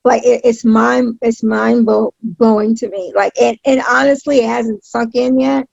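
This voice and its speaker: A woman with a heavily creaky, fairly high voice gives an interview in a casual, emphatic way. She repeats phrases to drive points home. The tone is husky and the audio is dull and lo-fi. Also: fairly even intonation, a little slow, a little mellow, no room sound. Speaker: interview guest, pro wrestling announcer.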